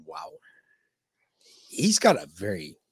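Dude hosting, raspy n animated, swears a lot, blunt slangy casual chat, dry sound. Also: male voice, on the low side, takes it slowly, no echo. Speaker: show host. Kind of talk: casual banter.

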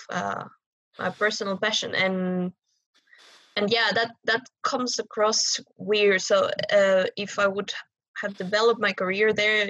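A woman's voice: mid-range voice, a bit bright, breathy edge. A woman from Chile, a native Spanish speaker with a Chilean accent, chatting casually as a podcast guest and searching for words in hesitant English. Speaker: musician, singer being interviewed. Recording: roomy echo, slightly dull lo-fi sound.

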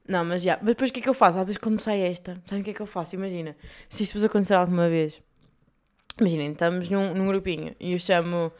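Foul-mouthed young woman, European Portuguese accent. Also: fairly low pitch. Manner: crude, joking, animated storytelling with sudden loud outbursts. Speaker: podcast host. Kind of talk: casual monologue.

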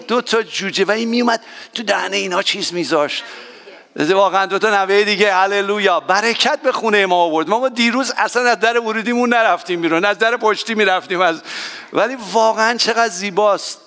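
Man preaching in a hall. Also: sits high. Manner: warm, excitable, addressing the congregation directly. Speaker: pastor. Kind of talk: sermon. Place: church hall.

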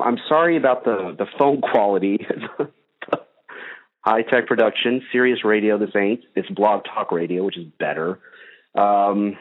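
A man hosting a call-in show over the phone, talking in a casual, rambling way with many ums and uhs. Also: lowish voice. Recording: tinny phone line.

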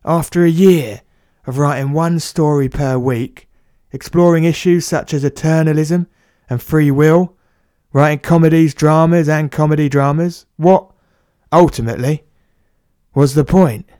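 A man's voice: a little high, steady tone, measured pace, mellow, clean tone, no room sound, studio quality, close to an everyday voice. A man voicing a cheeky, blunt working-class plumber, in a comic audio story. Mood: matey. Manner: blunt, matey, slangy.

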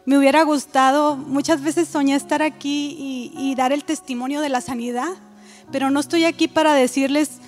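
Woman, high pitch, heartfelt church testimony in a reverberant hall. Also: steady tone, moderate pace. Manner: earnest, emotional, hesitant fillers. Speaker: guest giving a testimony. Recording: reverberant hall with faint music.

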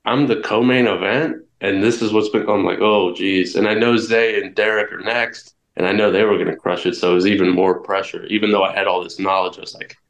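A man's voice: lowish voice, steady tone, brisk, few pauses. Young man guest, roomy echo. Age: young adult. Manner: candid storytelling with many restarts. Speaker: guest wrestler. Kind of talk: casual interview. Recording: echoey room.

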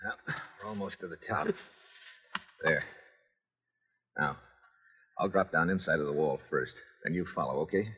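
An actor playing a tough, cocky, slangy reporter in an old-time radio adventure serial, with a sardonic, hard-boiled delivery. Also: male voice, sits low, very animated, a little fast, breathy edge, big-room sound, heavily acted. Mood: businesslike. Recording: dull, lo-fi old radio recording.

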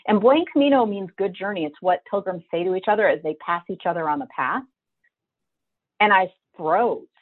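A woman's voice: on the low side, normal speed. Middle-aged woman over a tinny line. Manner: vivid, emotional storyteller who acts out her own past thoughts. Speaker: guest telling her life story. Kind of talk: personal storytelling.

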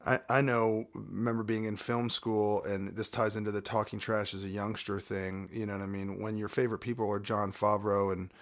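Gravelly low-voiced man chatting. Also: flat delivery, normal speed, hardly any pauses. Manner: chatty and digressive, frequent fillers. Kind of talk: casual podcast conversation.

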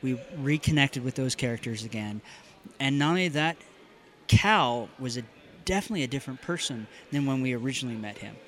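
A man chatting on a podcast panel in an easy, conversational review style. His voice is mid-pitched, and he grows louder and livelier when something excites him. Faint noise hums behind him. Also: fairly quick. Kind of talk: casual review chat.

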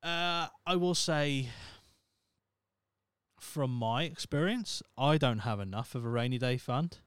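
A thirty-year-old man rambles through his solo podcast, wry and self-mocking, swearing plenty. His mid-range voice moves slowly and sounds fairly bright and smooth. The recording is studio quality with no echo.

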